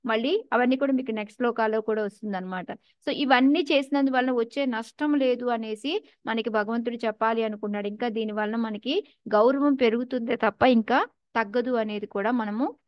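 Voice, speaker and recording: A woman's voice: fairly high pitch, fairly quick, no room sound, highs cut off. Telugu woman teaching a scripture class. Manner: asks the class questions, mixes in English words.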